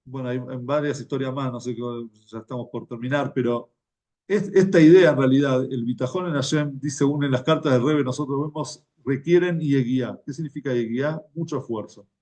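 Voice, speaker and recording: A man with an Argentine Spanish accent gives a conversational Torah class as a religious teacher, often repeating words while he tells stories. His voice is mid-range and warm, moving a little fast.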